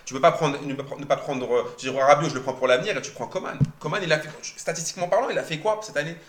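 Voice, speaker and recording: A man's voice: fairly high pitch, very fast, a bit bright, a little hiss or hum. A man on a football panel, arguing insistently and restarting his sentences as he pushes his point. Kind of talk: casual football debate. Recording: echoey room.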